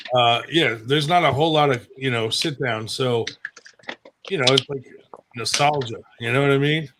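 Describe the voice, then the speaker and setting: A man's voice: medium pitch, unhurried, pauses often, noisy background. An American man chatting casually in a laid-back manner. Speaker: participant in arm wrestling live chat. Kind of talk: casual chat.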